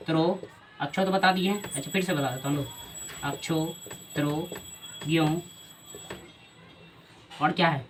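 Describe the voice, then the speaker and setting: A man's voice: high voice, a bit bright, recorded from a distance, slight background noise. Hindi-speaking male teacher, Bihari accent. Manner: repeats key answers as questions to students. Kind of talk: classroom grammar lesson.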